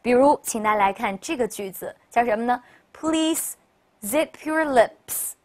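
A woman English teacher giving a recorded vocabulary lesson. She explains in Chinese in a chatty, upbeat way and slows right down to model each English word for listeners to repeat. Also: fairly high pitch, lively intonation, a little mellow. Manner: upbeat, chatty classroom delivery with frequent "OK, 好的".

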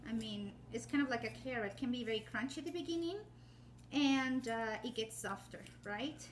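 A woman's voice: a little high, fairly quick, slight background noise. A woman, chatting casually as she shows a cooking technique in her home kitchen, rambling, full of fillers and self-corrections. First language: Spanish. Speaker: home cooking channel host. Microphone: phone or camera set up on the counter, framed from the waist up.

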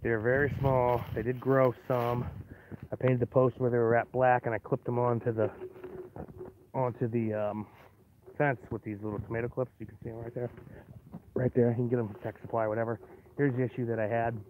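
A man's voice: medium pitch, level tone, a little fast, darkish tone. A man giving a casual walking tour of his homestead, rambling with lots of fillers, recorded outdoors on a handheld phone. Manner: rambling, filler-heavy, chatty. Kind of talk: casual walkaround narration. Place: outdoors on a rural homestead yard. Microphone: phone camera held while walking. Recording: tinny phone-line sound with faint noise.

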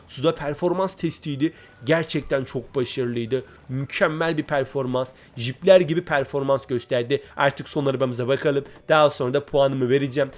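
A man hosting a gaming channel, giving chatty, excitable commentary and talking straight to his viewers. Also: on the high side. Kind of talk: casual gameplay commentary.

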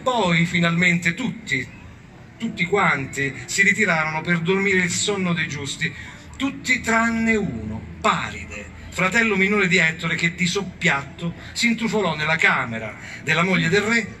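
A man's voice: sits high, expressive, normal speed, pushed and bright, slight background noise. A man, a comedian, telling a comic story on an outdoor stage in a mock-solemn tone with crude asides. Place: outdoor evening event with a crowd. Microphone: handheld stage mic, filmed on a phone. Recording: phone video of an outdoor stage with music.

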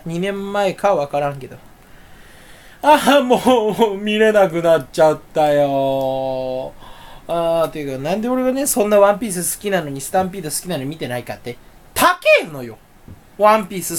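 A man talking to himself in a rambling solo monologue. He is self-mocking and erratic, swinging from loud outbursts to low mutters. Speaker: solo talk channel host.

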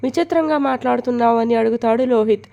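A woman narrating a love story in a steady, plain storytelling manner. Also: a little high, quick pace, vocal fry, lo-fi sound.

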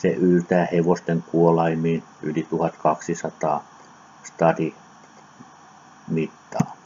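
Man reading scripture aloud, extremely low and dark voice, measured delivery, dull lo-fi recording with faint hiss. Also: level tone. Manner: measured, deliberate reading with occasional slips. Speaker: scripture reader. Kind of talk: solemn audiobook scripture reading.

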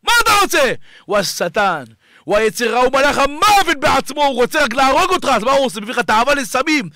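A rabbi preaching a fiery sermon, shouting and pleading, swinging between loud cries and hushed tones. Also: male voice, very high voice, big pitch swings, no echo. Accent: Israeli Hebrew. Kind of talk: impassioned sermon.

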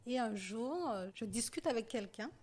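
A woman guest on a podcast giving a personal account, talking softly and haltingly with many pauses and fillers. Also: fairly high pitch, expressive, breathy edge. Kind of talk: personal testimony in conversation.

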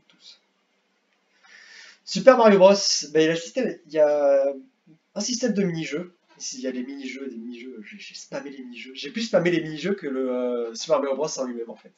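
Young guy rambling through a game tier list, repeats stuff a lot, muffled lo-fi mic. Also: medium pitch. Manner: rambling, repeats words, excitable bursts. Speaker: gaming youtuber. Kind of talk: casual tier-list commentary.

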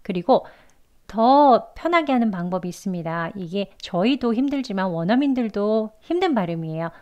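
A woman's voice: mid-range voice, animated, moderate pace, dark tone, lo-fi sound. A woman teaching English pronunciation in a lesson, patiently modeling words and asking learners to repeat after her.

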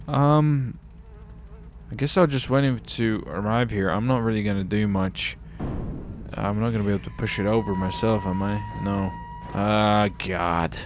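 A gamer hosting a roleplay video commentates in character with a lowish, steady voice at normal speed. He's casual and exclamatory, swears now and then, and game ambience and vehicle sounds fill the background.

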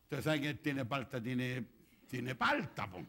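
A middle-aged Chilean man preaching a sermon in a church, moving from quiet asides to shouted passages and acting out quoted prayers. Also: medium pitch, sing-song, takes it slowly. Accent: Chilean Spanish. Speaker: pastor.

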